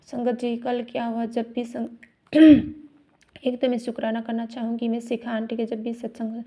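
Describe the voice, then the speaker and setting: A middle-aged woman giving a halting devotional testimony of thanks, with many restarts and fillers. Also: a little high, completely flat delivery, warm tone.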